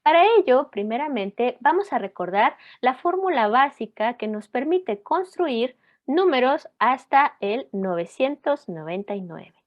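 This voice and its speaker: A woman with a somewhat high voice narrates a scripted language lesson at an unhurried pace. Her intonation rises and falls with lively movement as she explains each point clearly. The voice-over sounds a little dull and lo-fi. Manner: measured, clear explaining, reads examples slowly. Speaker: language teacher.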